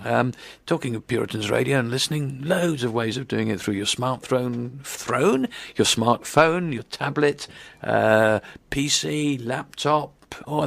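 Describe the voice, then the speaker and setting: Jokey male radio host with gravelly voice. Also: medium pitch, fairly bright tone, no room sound. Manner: jokey, rambling with fillers. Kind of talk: casual live radio chat. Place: broadcast from a stadium room.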